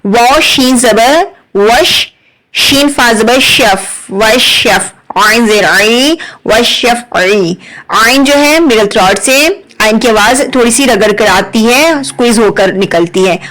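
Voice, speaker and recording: A woman's voice: a little high, slow, a bit bright, poor audio. A woman teaching Quran reading with an Urdu accent, spelling out letters and vowel marks and then blending them into words. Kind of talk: slow syllable-by-syllable recitation lesson.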